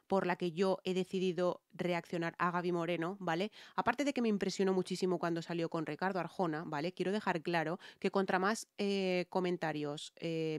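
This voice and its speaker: A singer with a Spain Spanish accent walks viewers through a song, offering reaction and vocal analysis in an emphatic, chatty manner. Her voice is fairly low and clean, captured dry with clean studio sound.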